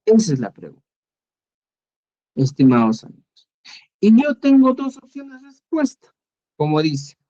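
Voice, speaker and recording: A man's voice: fairly high pitch, wildly swooping pitch, unhurried, pauses often, dark tone, muffled recording. A man with a Peruvian Spanish accent teaching a Quechua lesson over a screen recording, patient and repeating each word, often checking in with "¿ya?". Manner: patient, repeats words and asks "¿ya?".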